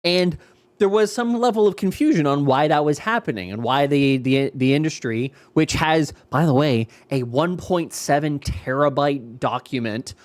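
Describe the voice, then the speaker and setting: A man's voice: fairly high pitch, moderate pace, no room sound. A man hosting a live stream, commenting with jokes, teasing and incredulous remarks. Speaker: streamer host.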